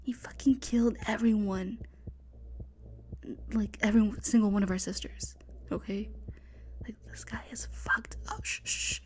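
A young woman voicing a panicked sorority sister hiding from a killer, talking in hushed, frantic whispers and swearing often. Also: on the high side, slight background noise. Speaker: voice actor in an audio roleplay. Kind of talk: one-sided audio roleplay.

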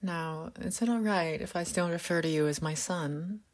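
A woman playing a doting, seductive mother figure in an intimate audio roleplay, talking softly in murmurs and whispers with hums and light laughs. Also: on the low side, natural voice. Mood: sultry. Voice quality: soft, whispery. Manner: slow, murmuring, teasing, with frequent hums and soft laughs.

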